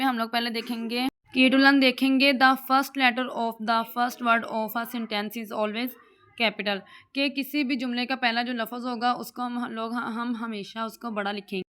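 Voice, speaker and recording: Teacher woman, slow clear explaining. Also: a little high, fairly bright tone. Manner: explains step by step, reads English sentences slowly then translates. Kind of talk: online class lesson.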